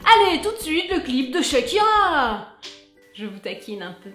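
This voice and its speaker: A woman's voice: high-pitched, big pitch swings, a little slow, a bit bright, reverberant, soft background music. A young woman chatting through a casual beauty product review, playful and talkative, breaking into little sung asides. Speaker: beauty vlogger.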